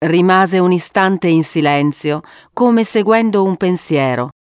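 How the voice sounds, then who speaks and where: A woman narrates an adventure storybook in a measured, expressive way. Her voice is smooth and slightly low. The recording is close and dry. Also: no echo.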